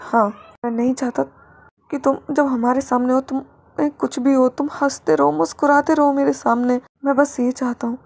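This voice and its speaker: A woman's voice: high voice, steady tone, normal speed, vocal fry, darkish tone. A woman voicing an emotional, possessive male singer who pleads with his spouse. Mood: tender. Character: possessive male singer-soldier husband, tender and clingy.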